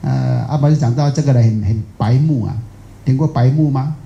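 A man with a Taiwanese Mandarin accent gives a rambling, folksy Buddhist dharma talk, often stopping to question his listeners. His voice is very dark and mellow. It carries an echo from the room. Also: medium pitch, brisk, creaky, highs cut off. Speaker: Buddhist teacher. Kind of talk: dharma talk to a live audience.

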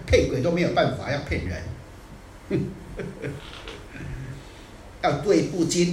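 A man giving a Buddhist dharma talk in a scolding, animated way, dropping in English phrases now and then. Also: medium pitch, slight background noise. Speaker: Buddhist teacher. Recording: echoey room, distant mic.

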